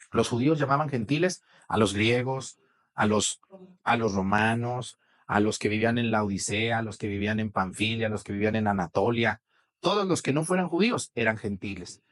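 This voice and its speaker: A man's voice: fairly low pitch, normal speed, fairly bright tone. A man with a Mexican accent preaching a sermon, chatting with the congregation and asking them questions. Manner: conversational, asks the congregation questions. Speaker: priest.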